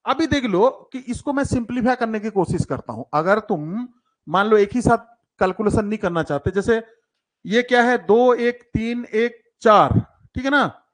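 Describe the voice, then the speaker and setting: This man has a high voice and sounds animated, speaking at a normal speed. He's an entrance-exam coaching teacher running a live online math class for kids, where he coaxes and teases the pupils and slips English terms into what he says.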